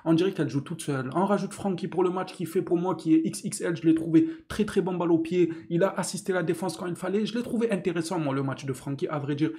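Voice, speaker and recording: A man's voice: a little high, a little mellow. A young man giving an angry, sarcastic post-match rant as a football video host. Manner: indignant, sarcastic, mocking. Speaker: football commentator youtuber.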